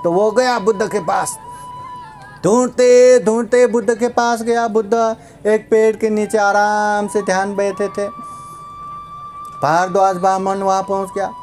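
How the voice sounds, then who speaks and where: A man's voice: sits high, little pitch movement, unhurried, a little mellow, faint music behind. A man, a Buddhist monk, telling a story in a sermon. He repeats phrases and checks in with his listeners.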